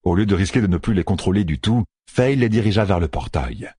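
Male audiobook narrator, deep voice, very animated delivery, dry booth sound. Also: fairly quick, breathy edge, no echo. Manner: expressive, dramatic storytelling. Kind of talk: scripted fantasy narration.

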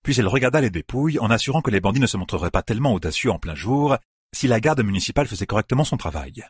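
A man narrating a fantasy audiobook in a measured storytelling manner. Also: fairly low pitch, lively intonation, slightly rough, dry recording, clean studio sound. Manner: measured storytelling, quoting characters.

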